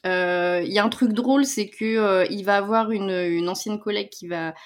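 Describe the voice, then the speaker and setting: A woman's voice: medium pitch, moderate pace. A woman co-hosting a podcast, talking casually about a TV series with many fillers and restarts. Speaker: podcast co-host reviewing series. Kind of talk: casual chat.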